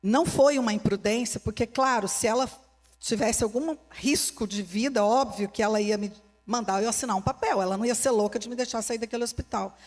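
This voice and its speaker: A woman's voice: a little high, a little fast, a little mellow. A Brazilian woman pastor preaching a sermon with a Brazilian Portuguese accent, fervent and emphatic, repeating her key phrases. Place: church hall. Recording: long church-hall reverb.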